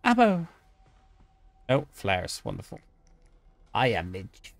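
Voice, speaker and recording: Gravelly, unhurried male game streamer. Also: mid-range voice, expressive. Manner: chatty, jokey, talks to chat, yelps at scares. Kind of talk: gameplay commentary.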